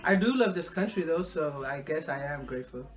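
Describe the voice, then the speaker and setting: A young man from Mexico answers interview questions in a relaxed, unscripted way. His voice sits a little higher than most men's, and he often stalls and repeats words before he finishes a thought. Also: soft background music. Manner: halting, repeats words while thinking.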